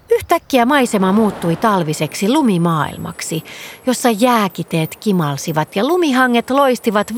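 A woman narrating a children's story in a gentle, expressive reading voice. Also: mid-range voice, a little hiss or hum.

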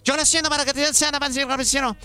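A man's voice: very high voice, brisk, sharp tone, clear, resonant tone, faint music behind. A man voicing a fussy, dramatic old female folk healer in a radio comedy sketch, who calls everyone "son" and rambles through mystical chants. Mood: chanting.

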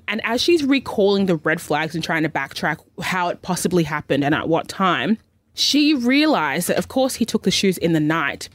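Aussie radio host lady, voice jumps all over the place, dishing gossip fast, dead dry studio mic. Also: fairly low pitch, no room sound. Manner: animated, gossipy, quick bursts of emphasis. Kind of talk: casual chat, storytelling.

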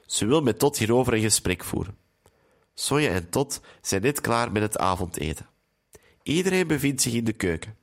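A man calmly retelling a film's story as narrator. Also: mid-range voice, moderate pace.

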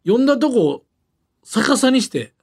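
Animated high-pitched man with a Kansai accent. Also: a little slow, creaky, slightly rough. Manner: animated storyteller, acts out voices. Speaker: radio show co-host. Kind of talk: casual chat.

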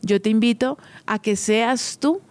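A woman's voice: a little high, a little slow. Chatty woman hosting an advice podcast. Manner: conversational, frequent tag questions; encouraging, addresses listener directly. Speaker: podcast host.

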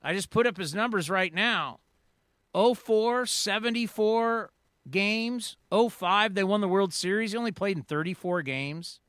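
A man in his forties hosts sports talk radio from a studio microphone, his voice high and bright. He speaks clean and smooth, with a dry close sound and no room around him. He tells his stories in an energetic, rambling way. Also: a little slow, dry recording. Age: 40s.

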